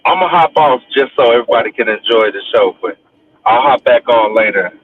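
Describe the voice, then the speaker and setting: A man's voice: medium pitch, lively intonation, fairly quick. A man calling in from a helicopter through earbuds, so his voice sounds tinny and metallic like a tin can. He talks casually and keeps his replies brief. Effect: tinny metallic sound from cheap earbuds. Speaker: caller. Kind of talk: casual chat. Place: inside a helicopter. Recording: distant tinny earbud mic, helicopter noise.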